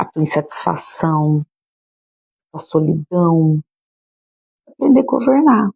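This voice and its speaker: A woman's voice: low voice, gravelly, warm tone, slightly rough, no echo, low-quality recording. A woman pastor with a Brazilian Portuguese accent, preaching earnestly and emphatically in a livestream, speaking directly to her listeners. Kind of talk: livestreamed sermon. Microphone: phone or webcam livestream.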